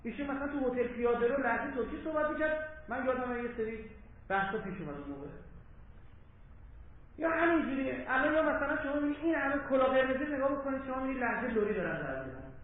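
A man giving an impassioned public lecture in a hall, swinging between loud urging and low asides. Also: sing-song. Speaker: religious lecturer. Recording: very echoey hall, tinny phone-like sound, faint hiss.

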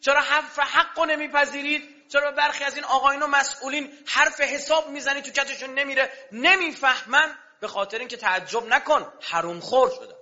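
A man preaches passionately, firing rhetorical questions at his audience in a very high voice with a bright, forceful tone and hardly any pauses. The recording is dull and lo-fi.

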